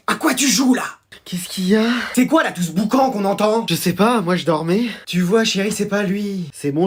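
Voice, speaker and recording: Comic playing all the roles in quick skits, hops between voices. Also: medium pitch. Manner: switches quickly between characters. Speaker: sketch comedian playing all parts. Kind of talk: comedy sketch role-play.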